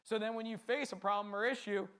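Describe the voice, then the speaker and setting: A man's voice: high voice, steady tone, fast talker, pushed and bright, smooth. A man preaching a sermon, speaking earnestly in a repetitive cadence and often asking rhetorical questions.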